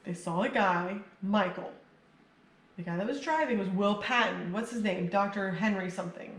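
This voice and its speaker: A woman's voice: mid-range voice, normal speed. A tipsy woman getting drunker as she banters about films, blunt and sweary, muddling her words and arguing casually. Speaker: co-host of a movie review show. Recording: roomy, distant mic with background noise.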